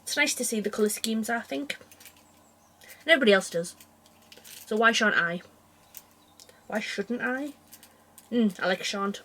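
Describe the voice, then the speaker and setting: A woman's voice: on the high side, fairly bright tone. A woman chatting casually to camera as a craft vlogger, rambling along with frequent self-interrupting asides. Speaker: cross-stitch vlogger.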